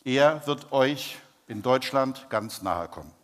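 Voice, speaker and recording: Measured preacher man in a reverberant hall. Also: medium pitch, animated. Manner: measured, slows down for emphasis. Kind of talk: sermon testimony storytelling.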